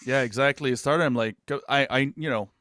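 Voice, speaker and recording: A man's voice: mid-range voice, brisk, fairly bright tone, no room sound, studio quality. A man co-hosting a podcast, chatting casually and ramblingly about metal albums, with swearing and frequent laughs. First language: French. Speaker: podcast co-host.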